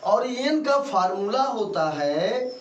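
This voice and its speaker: Guy teaching chem, kinda high voice, calls students beta, mic far off and roomy. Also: sing-song, takes it slowly, muffled recording, slight background noise. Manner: addresses students as beta, repeats key terms with call-and-answer. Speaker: chemistry teacher. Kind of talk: classroom lecture. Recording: roomy echo, voice from a distance, faint ambience.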